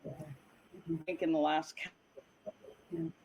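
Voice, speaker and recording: A woman's voice: sits low, level tone, very slow, a little mellow, slightly rough, low-quality recording. A woman on a panel, speaking emphatically over a video call whose audio keeps cutting out, so her volume is uneven. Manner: emphatic, repeats points. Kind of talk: online panel discussion.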